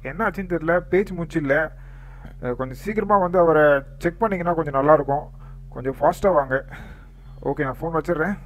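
A man's voice: on the high side, fast talker, long pauses, rough recording. A man narrating a role-play game story, reassuring and explaining things in a playful tone.

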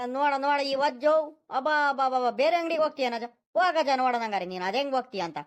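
A woman does cartoon voice work as a fussy, tight-fisted old grandfather from a village, haggling and nagging with a rural Karnataka Kannada accent. She speaks fast in a high voice that stays close to how she normally talks.

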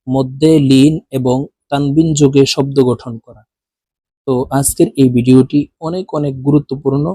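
A man, teaching Quran reading by spelling out syllables and chanting the words in long drawn-out tones. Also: mid-range voice, dark tone, dry recording. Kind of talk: Noorani Qaida spelling lesson.

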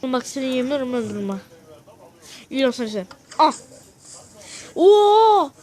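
A young gamer with a Turkish accent giving excitable, casual gameplay commentary and scolding the game characters. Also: medium pitch, rapid-fire. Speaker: gaming video creator.

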